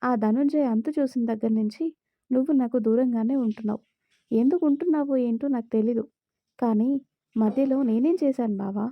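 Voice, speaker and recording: A woman's voice: a little high, a little fast, no echo, dull audio. Woman voicing a hurt, pleading young wife. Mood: aggrieved. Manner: pleading, aggrieved.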